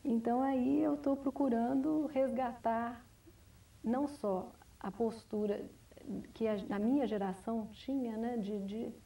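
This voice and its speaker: A woman writer, answering interview questions in a measured, reflective way, often restarting and adding "né?". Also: on the high side, fairly even intonation, creaky, warm tone. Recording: distant mic, 1990s TV studio recording.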